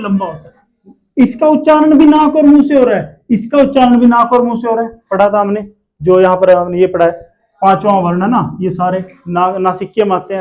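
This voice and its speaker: A man teaching a class, asking questions and repeating the answers himself. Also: sits high. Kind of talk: classroom lesson.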